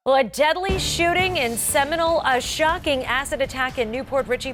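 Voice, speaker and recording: Bright and somewhat high-pitched, this American woman delivers a scripted local newscast as a television anchor. She keeps it polished and leans into the important words.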